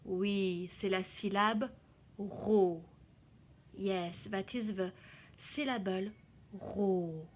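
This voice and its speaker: A woman teacher explaining a reading exercise to children slowly and carefully, sounding out syllables. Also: mid-range voice, a little hiss or hum. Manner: slow, careful, spelling out syllables. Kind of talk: slow classroom explanation in two languages.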